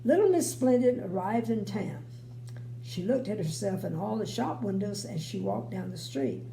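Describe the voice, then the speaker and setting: Reading a children's story aloud, a grandmother breaks in with homey, chatty remarks. She speaks at normal speed in an animated, warm, mid-range voice with some vocal fry, and the home recording is roomy with a faint hum.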